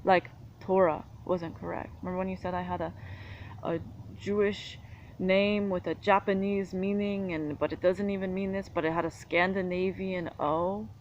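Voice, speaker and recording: A woman's voice: fairly low pitch, little pitch movement, moderate pace. A woman from the United States, talking in an indignant, rambling, argumentative monologue. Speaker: vlogger. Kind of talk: casual monologue to camera. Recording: dull lo-fi sound with faint background noise.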